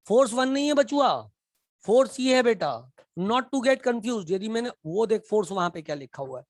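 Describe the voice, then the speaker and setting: A man teaching a live class, shouting and teasing as he quizzes his students in a colloquial way. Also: sits high, no echo, clean studio sound.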